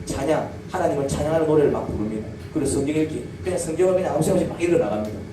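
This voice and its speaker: Speaking rapid-fire in a fairly high voice, a male pastor delivers a sermon, questioning his congregation and drawing spoken call-and-response replies. It was captured in an echoey church sanctuary with a distant mic and background noise.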